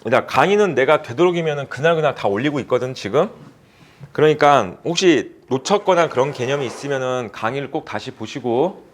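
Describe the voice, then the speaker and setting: A man's voice: mid-range voice, expressive, fairly quick. A man tutoring math in a cram school classroom, explaining problems and chatting casually with his students, teasing them. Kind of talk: classroom lecture with banter.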